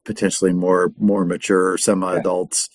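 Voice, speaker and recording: Low-voiced man hosting an interview. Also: level tone. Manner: summarizing, halting with restarts. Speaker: interview host. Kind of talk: casual interview.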